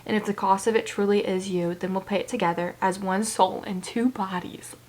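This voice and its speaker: A woman reading aloud the lines of a tender, resolute warrior prince in a soft, hushed voice. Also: mid-range voice, fairly even intonation, fairly quick, lightly acted, poor audio.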